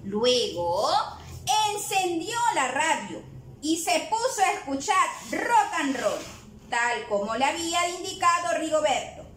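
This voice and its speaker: Woman teacher, storybook read-aloud for kids, animated, high voice, echoey room with faint hum. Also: unhurried. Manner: animated, addressing children.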